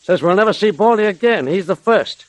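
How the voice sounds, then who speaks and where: A suspicious radio crook boss, high pitched, swings up and down, old 1930s recording. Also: male voice, expressive, a little fast, dry recording. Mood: impatient. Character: edgy, suspicious male gangster boss.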